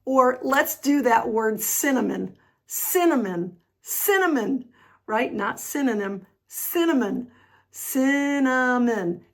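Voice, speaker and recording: A woman teaching English pronunciation, drilling words slowly and repeating each one carefully. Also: a little high. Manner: slow, deliberate word drills with repetition. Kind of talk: pronunciation lesson.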